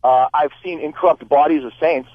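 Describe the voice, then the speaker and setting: A man in his thirties calling a radio show to argue, insistent and halting, on a dull lo-fi line. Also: on the high side, fairly even intonation, no room sound. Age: 30s. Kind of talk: argumentative phone-in call. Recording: dull lo-fi phone-in call.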